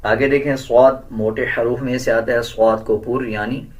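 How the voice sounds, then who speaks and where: Here a mid-range male voice calmly explains how to recite the Quran. His slow, melodious chanting of the verses comes out much louder than the explanations.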